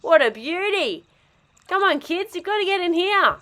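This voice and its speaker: A woman's voice: very high-pitched, sing-song, normal speed, fairly bright tone, heavily acted. A woman voicing a cheerful, encouraging adult male cartoon dog, a dad and uncle, in children's toy role-play. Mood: upbeat. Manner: hearty, reassuring, encouraging.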